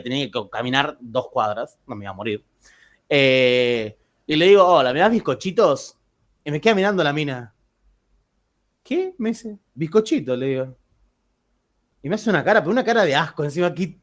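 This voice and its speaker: Chatty Argentine man telling stories. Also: on the high side. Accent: Argentine Spanish. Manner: chatty, joking, with frequent restarts. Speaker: teacher. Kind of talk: casual classroom anecdote.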